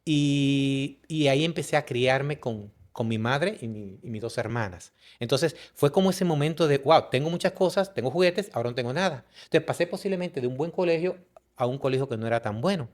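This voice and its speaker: A man with a Dominican accent, a guest telling his life story in an interview, halting with frequent restarts. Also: mid-range voice, animated, darkish tone. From Dominican Republic. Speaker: guest, business consultant. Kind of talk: conversational storytelling.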